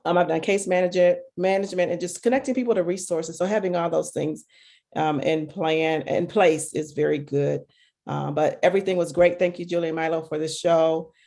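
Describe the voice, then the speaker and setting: A woman from Michigan who works as a clinical social worker, speaking sincerely at an online group meeting with frequent pauses. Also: lowish voice, fairly even intonation, vocal fry, warm tone. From Michigan, USA.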